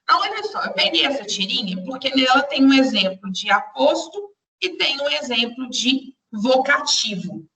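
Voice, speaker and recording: A woman's voice: sits high, expressive, moderate pace, pushed and bright, recorded from a distance. A woman teaching a live online grammar class, patiently repeating explanations and speaking straight to her students. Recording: roomy echo, voice away from the mic.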